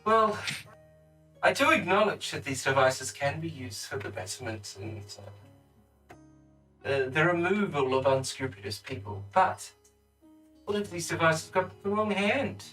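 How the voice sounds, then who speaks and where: A man's voice: a little high, lively intonation, measured pace, long pauses, bright, forceful tone, distant mic, faint music behind, pitched above the performer's own voice, rough recording. A man playing a wary, stern king presiding over a trial in a tabletop game, formal and a little hesitant. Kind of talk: tabletop role-play.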